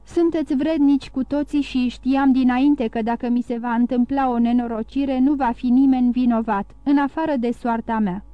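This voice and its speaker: A woman voicing a dignified, grieving older shipowner who speaks gently and formally in a storybook reading. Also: high voice, steady tone, few pauses, clean tone, dry recording, lo-fi sound, natural voice. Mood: sadly grateful.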